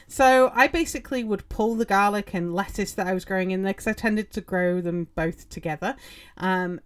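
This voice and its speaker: Chatty woman gardening podcast host. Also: mid-range voice. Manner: chatty, rambling, many ums and you-knows. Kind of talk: casual solo podcast talk.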